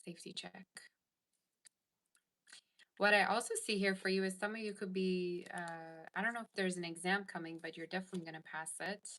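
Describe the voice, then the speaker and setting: A woman with a lower, steady voice and a sharp edge talks a little fast while giving her audience a casual tarot reading. She chats freely and reads comments from the live chat out loud.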